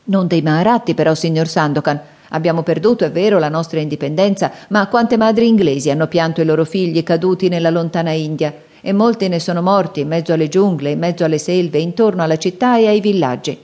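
A woman's voice: lowish voice, fast, few pauses, dark tone, close to an everyday voice. A woman voicing a loyal, earnest Indian companion. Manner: earnest, respectful.

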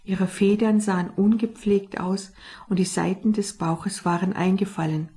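A woman narrating her own children's audiobook in a lively, expressive way. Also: medium pitch, moderate pace. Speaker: author and narrator.

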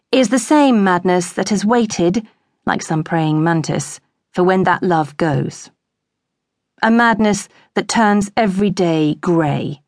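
A woman narrating a novel for an audiobook. Her voice sits a little low and the recording is dry and close. She reads in a measured, even storytelling manner. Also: no echo. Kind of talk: scripted narration.

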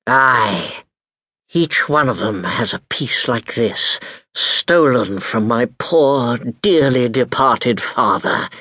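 A man voicing a wicked pirate captain who growls his words slowly and with menace. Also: medium pitch, lively intonation, sharp tone, no room sound, full character voice. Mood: menacing.

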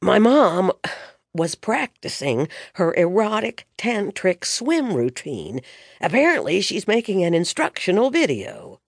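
A woman's voice: medium pitch, very animated, a little slow, creaky, no room sound, studio quality, full character voice. A woman doing a sheepish, exasperated young man. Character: exasperated embarrassed young man, her son.

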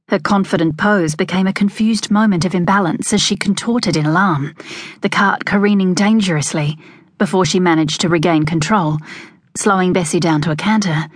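A woman's voice: on the low side, no room sound, studio quality. Woman narrating a historical novel. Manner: measured, expressive storytelling. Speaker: audiobook narrator. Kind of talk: scripted narration.

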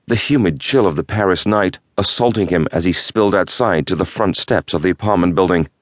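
A man narrating a thriller audiobook in a measured, steady storytelling manner. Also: low-pitched, no room sound, studio quality.

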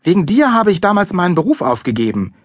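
A man voicing a sharp-tongued mother who snaps at her husband. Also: fairly high pitch, very animated, normal speed, no room sound, studio quality, pitched above the performer's own voice. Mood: snapping. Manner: snapping, indignant.

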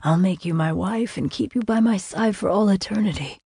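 A woman voicing a young man who makes soft, coaxing promises of love. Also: mid-range voice, normal speed, slightly rough, dry recording, clean studio sound. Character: smooth-talking young male suitor, making sweet promises.

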